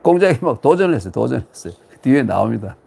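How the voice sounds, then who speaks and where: A man's voice: medium pitch, big pitch swings, rapid-fire, vocal fry, warm tone, slightly rough. A man giving a casual lecture on classical texts, chatty and rambling, full of fillers and asides.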